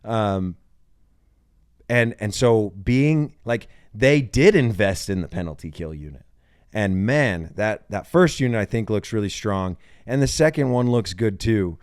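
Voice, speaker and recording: A man co-hosting a casual sports podcast, speaking with a voice that is rough from illness. He talks with enthusiasm and often repeats words as he thinks. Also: lowish voice, animated, unhurried, darkish tone, dry recording, studio quality. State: sick voice. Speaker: co-host.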